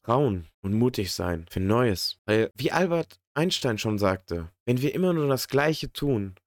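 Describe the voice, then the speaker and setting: A man's voice: medium pitch, sing-song, measured pace, dry recording, studio quality. A man in a motivational monologue who speaks earnestly and directly to the listener. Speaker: podcast host.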